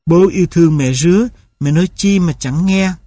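A man's voice: fairly high pitch, moderate pace, no room sound, clean studio sound, close to an everyday voice. Man doing a coaxing young village woman. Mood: pleading. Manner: soft, pleading, sweet.

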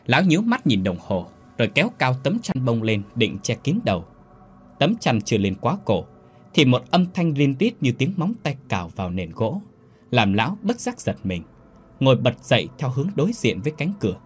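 Man narrating a suspenseful ghost story. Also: mid-range voice. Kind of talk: scripted horror story narration.

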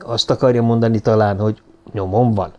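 A man voicing a sharp, coolly ironic male detective in an audiobook reading, with brisk, clipped commands and dry remarks. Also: fairly low pitch, fairly even intonation, dull audio, close to an everyday voice.

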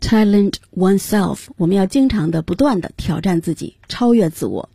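A woman with a mellow, slightly husky voice co-hosts a radio English lesson. She repeats each new word after the teacher and adds her own questions. The sound is dry and close-miked. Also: medium pitch, lively intonation, normal speed, no room sound. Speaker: co-host of the lesson.

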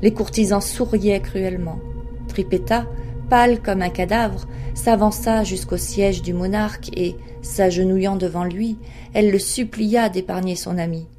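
A woman narrating a literary short story in a measured, expressive audiobook reading. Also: mid-range voice, faint music behind.

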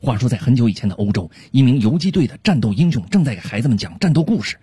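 A man's voice: mid-range voice, very animated, fast, warm tone, faint music behind. A man narrating short comedy stories on a radio show in a storytelling manner.

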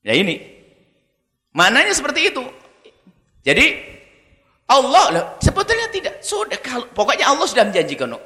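A male preacher delivers a lively sermon, his pitch swinging widely as he peppers the crowd with questions. His voice sits high and bright. The recording carries a long hall reverb. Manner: animated, rhetorical questions to the audience.

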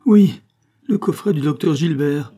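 A man reading aloud, voicing a desperate middle-aged farmer who breaks into anguished, loud outbursts. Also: mid-range voice, lively intonation, normal speed, slightly rough, pitched above the performer's own voice. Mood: frantic.

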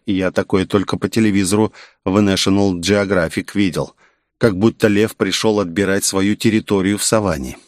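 A man's voice: on the low side, no room sound, clean studio sound. A man narrating a first-person fantasy audiobook in a wry, conversational way.

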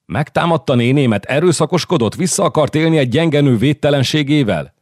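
A man's voice: fairly high pitch, expressive, a little mellow, no echo, clean studio sound, voice pushed up. A male narrator voicing a young scheming count who speaks indignantly and coldly, in an audiobook. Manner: indignant, cold.

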